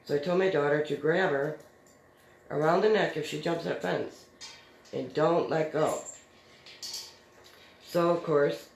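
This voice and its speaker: A woman's voice: sits low, unhurried, creaky, pauses often. A middle-aged woman hosting a crafts video, telling a story in a chatty, easygoing way and laughing often. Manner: chatty, laughs easily, many fillers. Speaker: DIY crafts host. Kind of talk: casual storytelling while crafting. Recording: roomy echo with faint noise.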